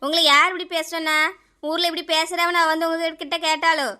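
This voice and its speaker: Woman with Kanyakumari Tamil accent, high and bright, confrontational scolding village woman in a cartoon. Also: little pitch movement, moderate pace, soft background music. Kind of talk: cartoon voice acting.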